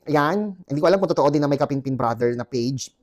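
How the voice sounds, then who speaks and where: A man hosting his own show, telling a story in a chatty, animated way, often laughing as he recounts it. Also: mid-range voice, fast. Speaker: host. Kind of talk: casual storytelling vlog.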